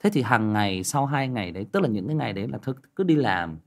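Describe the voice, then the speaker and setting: A man's voice: fast, gravelly. A man telling a personal story in a casual monologue, acting out the dialogue. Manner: lively, acts out quoted dialogue with pitch jumps. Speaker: storyteller giving relationship advice.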